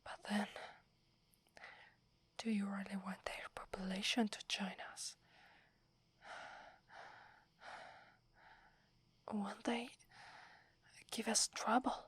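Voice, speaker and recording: In an ASMR roleplay, a woman voices a young werewolf warrior who whispers to her alpha with deference, loyal yet hesitant, in an Italian accent. Her whisper is very breathy and slow, fairly even and a bit bright, held to a narrow pitch range, with a questioning, thoughtful mood.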